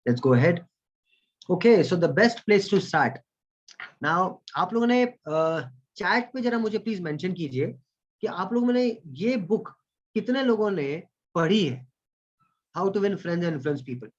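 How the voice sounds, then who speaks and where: A man's voice: high voice, animated, slow pace, lo-fi sound. A man with an Indian accent running an online communication training, mixing Hindi and English and thanking chat participants by name. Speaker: corporate trainer. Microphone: video call.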